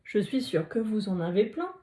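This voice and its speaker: A woman's voice: mid-range voice, very animated, moderate pace, dark tone. A woman teacher giving a recorded phonics lesson to young children, carefully sounding out letters and syllables and praising the listeners often. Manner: encouraging, praising.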